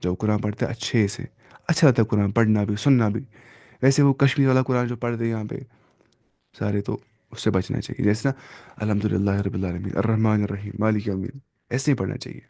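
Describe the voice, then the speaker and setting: A man's voice: on the low side, a little mellow, no echo. Man teaching tajweed, dry close sound. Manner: mixes English terms into his explanations, asks and answers his own questions. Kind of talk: online lesson explaining terms.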